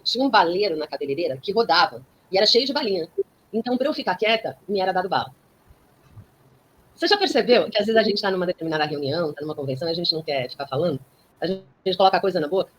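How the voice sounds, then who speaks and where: A woman's voice: fairly low pitch, animated, very fast, slight background noise, low-quality recording. A woman speaking as a guest on a talk program. She explains ideas in a teaching way, uses everyday examples and often checks in with tag questions. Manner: didactic, with frequent tag questions.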